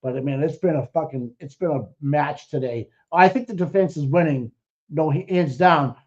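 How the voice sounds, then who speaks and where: A man co-hosting a casual chat, excitable and profane, rambling with restarts. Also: fairly high pitch, moderate pace. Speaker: co-host. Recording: muffled lo-fi stream audio.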